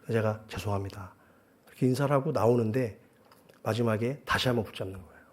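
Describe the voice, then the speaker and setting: Male pastor, husky mid-range voice, earnest storytelling sermon, big swings in loudness. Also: medium pitch, quick pace. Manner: earnest, swings between loud emphasis and hushed asides. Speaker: guest pastor. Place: church worship service.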